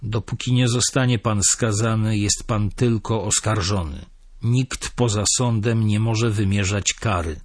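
A man's voice: fairly low pitch, fairly even intonation, no room sound, clean studio sound. A man voicing a stern cold police officer. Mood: firm. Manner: firm, measured, cold. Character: stern, cool-headed male police officer.

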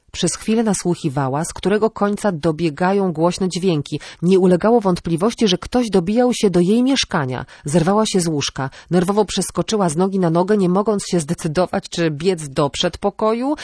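Audiobook narrator woman, steady, dry booth. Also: lowish voice, no room sound. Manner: steady storytelling. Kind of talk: scripted narration.

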